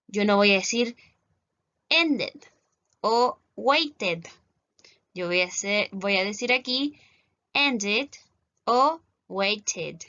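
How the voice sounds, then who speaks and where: A Chilean woman teaches a recorded class in a high voice. She explains each rule step by step and keeps checking that her students follow. The recording sounds muffled and lo-fi. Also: fairly bright tone. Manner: explains step by step, often asks "¿cierto?" to check understanding. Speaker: English teacher.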